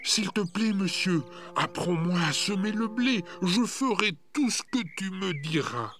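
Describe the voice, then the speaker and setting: A reader playing a slow, hungry storybook wolf. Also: mid-range voice, animated. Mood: excited. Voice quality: drawn-out, greedy exclamations. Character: hungry, eager, impatient wolf. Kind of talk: storybook reading. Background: soft music.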